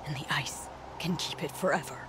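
An actress playing a grieving but resolute young outcast hunter in a video game, solemn and hushed. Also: female voice, sits low, fairly quick, noisy background, close to an everyday voice. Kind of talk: dramatic video game acting. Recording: loud music behind. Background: game score music.

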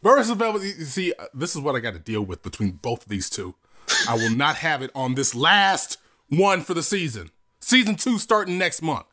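A man's voice: a little high, big pitch swings, moderate pace, pushed and bright. A man co-hosting a casual wrestling predictions podcast, rambling with restarts and casual swearing. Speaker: podcast co-host.

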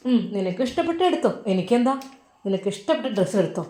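Woman doing a soft-spoken teasing husband. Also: fairly high pitch, sing-song, fast, reverberant. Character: teasing young husband, easygoing and indulgent.

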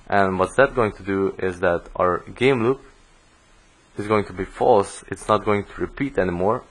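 A man talks through code for a programming course, explaining each step as he types. He speaks very slowly in a lowish voice. The audio quality is poor. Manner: slow, step-by-step explaining while typing code. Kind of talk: screen-recorded coding tutorial.

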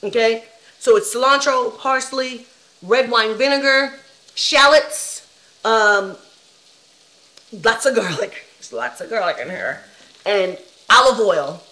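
A woman's voice: on the high side, expressive, slow pace, long pauses, bright, forceful tone, poor audio. A woman hosting a casual cooking vlog, chatting and explaining recipes to viewers.

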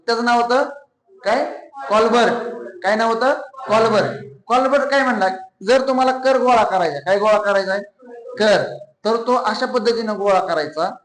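A male teacher gives a classroom lecture in a high voice. He keeps firing questions at the class and repeating the answers. The sound carries the echo of a roomy classroom. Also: a bit bright. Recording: echoey classroom.

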